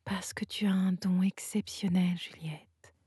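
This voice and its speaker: A woman voicing a gentle, wise female unicorn in a whispered role-play, soft and teasing in tone. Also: lowish voice, steady tone, measured pace, slightly rough, no echo. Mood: reassuring.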